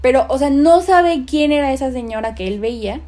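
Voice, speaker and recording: Young woman telling a spooky story, animated, fillers everywhere, slightly high voice. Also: normal speed. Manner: animated, acts out quoted voices, many fillers. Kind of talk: casual chat, telling a ghost story.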